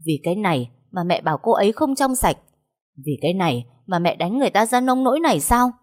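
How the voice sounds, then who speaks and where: A woman's voice: mid-range voice, sing-song, fast talker. A woman voicing a cold, domineering young husband who speaks harshly and gives orders. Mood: angry. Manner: harsh, commanding.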